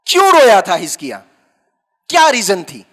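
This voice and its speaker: A male pastor preaching a sermon. He quizzes the congregation with questions and shifts between loud emphatic bursts and low, quiet asides. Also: wildly swooping pitch.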